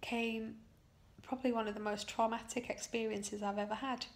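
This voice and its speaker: A British woman, worn out after surgery, recounting her experience in a personal video diary in a halting, emotional way, leaning on key words. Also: on the high side, level tone.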